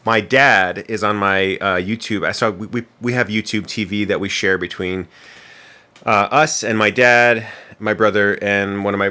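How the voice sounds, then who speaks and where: A man's voice: on the low side, pushed and bright. A young adult man co-hosting a podcast in casual chat, rambling with many ums and restarts. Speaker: podcast co-host.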